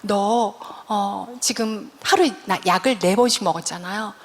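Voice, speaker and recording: Worried husband, quoted by a woman speaker, low and hushed, roomy hall. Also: measured pace. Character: anxious caring young husband. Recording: church hall reverb.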